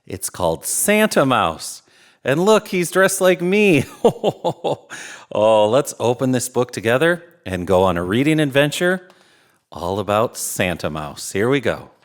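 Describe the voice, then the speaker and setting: A man playing a jolly, kindly old Santa Claus who reads to young children in an eager, emphatic storybook manner. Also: medium pitch. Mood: jolly, excited. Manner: exclaiming, chuckling, drawn-out emphatic phrasing. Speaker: host of a children's read-aloud show.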